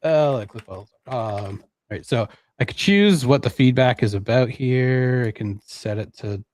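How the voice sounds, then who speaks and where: A man with a Canadian accent runs a live software demo in a loose, chatty way and breaks into easy laughter. His voice is of middle pitch. The sound is dry and close. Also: lively intonation, unhurried, no room sound. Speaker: presenter.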